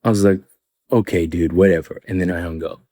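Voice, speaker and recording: A young man with an Arabic accent tells his own story in a relaxed, casual way. His voice is low, and he gets animated when he plays out dialogue. The recording is close and dry, with no room sound. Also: brisk, no echo. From Arabic-speaking country. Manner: animated, acts out quoted people with rising pitch. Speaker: vlogger.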